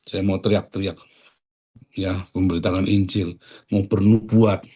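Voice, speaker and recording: Animated male preacher, loud-then-soft sermon. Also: low-pitched, unhurried, husky. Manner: animated preaching, swings between loud bursts and quiet asides; casual street slang mixed into preaching. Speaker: pastor.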